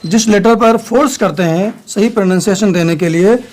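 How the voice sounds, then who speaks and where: A man teaching English. He gives a classroom lecture that mixes Hindi and English, reading English lines slowly and then explaining them in Hindi. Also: high voice.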